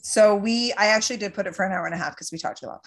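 A Canadian woman in her forties chatting casually as a podcast host, jokey and quick to recap a film plot. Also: mid-range voice, creaky, over a noisy crowd. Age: 40s. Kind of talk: casual chat.

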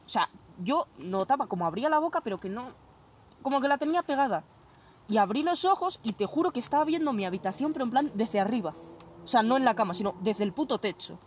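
A woman's voice: a little high, expressive, fast talker, slight background noise. A young woman hosting a casual chat, telling stories animatedly and swearing freely. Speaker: host.

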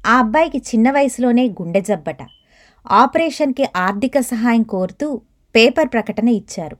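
A woman reading the lines of a gentle, wise old grandfather who calmly gives advice, in storybook narration. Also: on the high side, moderate pace, lightly acted. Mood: gently advising. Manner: calm, advising.

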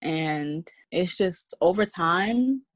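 A woman's voice: on the low side, expressive, very slow, slightly rough, no room sound. A woman in her twenties from Queens, speaking as a podcast guest in a casual, slangy, candid way. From Queens, New York. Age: 20s. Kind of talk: casual interview.

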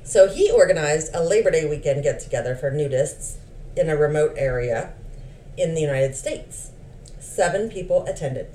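A woman's voice: deep voice, expressive, moderate pace, dark tone. A woman co-hosting a podcast, reading history notes aloud in a casual chat and breaking off for playful asides. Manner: reads facts with playful asides. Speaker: podcast co-host. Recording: roomy, slightly distant mic with faint hiss.

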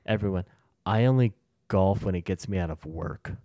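A young man co-hosting a podcast in a relaxed, rambling chat with many restarts. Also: deep voice, normal speed, no room sound, studio quality. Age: young adult. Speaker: podcast co-host. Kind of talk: casual chat.

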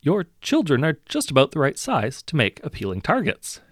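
A man's voice: a little high, wildly swooping pitch, normal speed, no room sound, studio quality, pitched above the performer's own voice. A man voicing a greedy hero turned lord who makes hollow, falsely sympathetic threats in a storybook. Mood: menacing.

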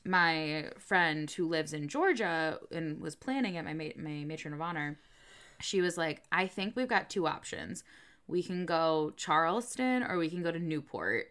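A woman's voice: sits low, lively intonation, measured pace, fairly bright tone, smooth. A young woman co-hosting a podcast, telling stories in a chatty way, full of fillers and laughing often. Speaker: podcast co-host. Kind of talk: casual chat.

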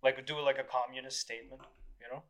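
A man's voice: medium pitch, little pitch movement, rapid-fire. A man co-hosting a casual podcast, cutting in with teasing jokes. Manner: teasing, joking interjections. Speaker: podcast co-host.

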